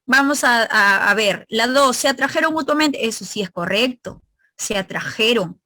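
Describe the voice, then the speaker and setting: A woman's voice: on the high side, lively intonation, moderate pace, bright, forceful tone, no echo. A woman teacher leading an online exam review class, asking her students questions and explaining grammar step by step.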